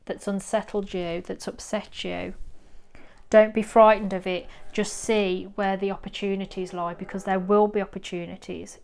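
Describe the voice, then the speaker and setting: A woman's voice: medium pitch, creaky, a little mellow, clear, resonant tone. A woman giving a pick-a-card tarot reading, encouraging and rambling, with frequent ums. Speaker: tarot reader.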